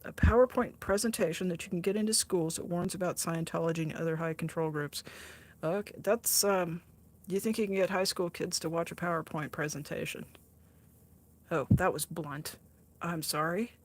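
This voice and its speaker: During an art livestream, a woman in her sixties casually answers comments from viewers, laughing often, teasing herself, and restarting frequently. Her lowish voice has fairly even intonation and moves at normal speed.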